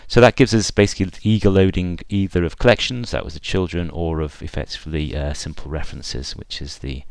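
A man giving an unscripted screencast walkthrough of software, thinking aloud with frequent fillers and restarts. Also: low voice, brisk, creaky, no room sound.

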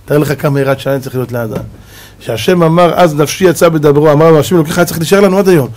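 A male rabbi delivers a fiery Torah sermon in a fairly high voice. He keeps throwing rhetorical questions at his listeners. His delivery lurches between loud exclamations and quiet, low asides. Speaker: rabbi giving a Torah lesson. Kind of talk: animated sermon.

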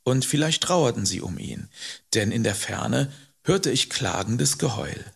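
Slow, gravelly male audiobook narrator. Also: mid-range voice. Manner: expressive, measured storytelling. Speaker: audiobook reader.

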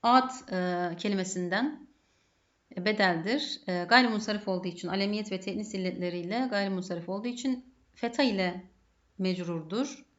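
A woman's voice: mid-range voice, fairly quick, lo-fi sound. A woman with a Turkish accent teaching Arabic grammar step by step, asking herself questions and answering them. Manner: methodical, poses and answers her own questions. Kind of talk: grammar lesson.

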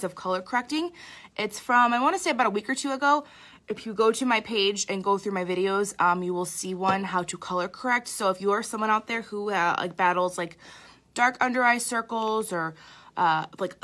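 A young makeup artist runs a casual live tutorial, chatty, candid and self-deprecating, with plenty of fillers. Her mid-range voice sounds pushed and bright yet tired and sleepy.

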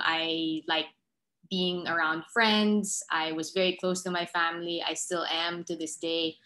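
A woman's voice: fairly low pitch, bright, forceful tone, low-quality recording. A young woman, a guest speaker talking casually about herself from home over a video call, friendly and a little self-conscious. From Philippines. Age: young adult. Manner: friendly, slightly self-conscious, many ums. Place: dim room at home, indoors. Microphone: laptop mic on a video call.

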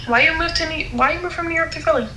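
A woman's voice: very high-pitched, very fast, bright, forceful tone. A woman in her early twenties with an American accent, chatting casually and skeptically in slang over a phone video call. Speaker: video-chat caller. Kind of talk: casual chat. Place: indoor room at home. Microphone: phone at arm's length, video call. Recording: faintly noisy video-chat audio.

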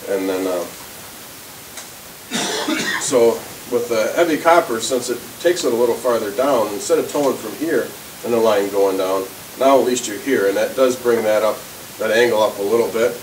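A man's voice: on the low side, normal speed, roomy sound, recorded from a distance, a little hiss or hum, rough recording. A man in his thirties demonstrating fishing tackle in an indoor shop, explaining step by step with frequent restarts. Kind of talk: casual product demonstration.

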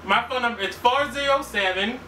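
A man's voice: very high voice, fairly quick, bright, forceful tone, a little hiss or hum. Straight-faced man playing an earnest worker, roomy sound. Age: young adult. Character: earnest male farm-owning lingerie department worker calling off. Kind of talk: improvised prank phone call. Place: small living room. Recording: roomy, distant camera sound, music.

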